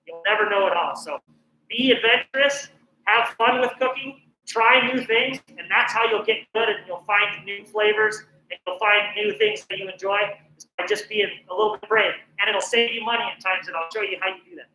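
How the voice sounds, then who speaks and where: A middle-aged man from northern New Mexico teaches a cooking class in a chatty, encouraging way, often pausing on "um." His voice sits high and sounds bright. The recording has a noticeable echo and a faint hiss underneath. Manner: chatty, encouraging, frequent "um" fillers. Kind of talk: casual cooking presentation.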